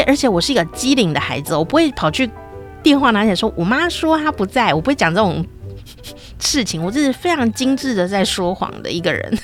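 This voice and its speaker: A middle-aged woman telling a comic personal story in a chatty, playful way, with many sentence-final particles. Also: mid-range voice. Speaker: storyteller host.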